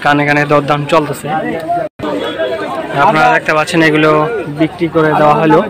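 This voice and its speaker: A man's voice: fairly high pitch, little pitch movement, a little fast. A man reporting on location at an outdoor market, explaining things in repeated phrases and putting short questions to traders. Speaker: video reporter. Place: outdoor wholesale fruit market. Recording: loud crowd and street noise behind.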